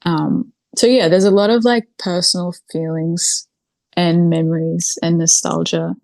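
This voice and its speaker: Unhurried and steady, a creaky, slightly mellow low voice belongs to a Kiwi woman who makes videos and is chatting informally as a podcast guest, full of "like" and "literally." No echo is present.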